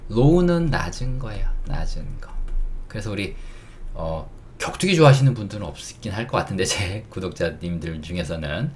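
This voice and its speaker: A man teaching English phonics, sounding out letters slowly and explaining words with everyday examples. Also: deep voice, a little mellow, a little hiss or hum. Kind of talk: phonics lesson.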